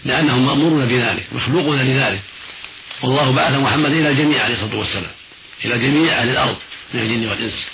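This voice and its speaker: Male Islamic scholar, formal Arabic, rapid didactic delivery, creaky voice, noisy radio recording. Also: medium pitch, muffled recording. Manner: didactic, emphatic repetition. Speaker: Islamic scholar answering listeners' questions. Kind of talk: religious instruction in formal Arabic.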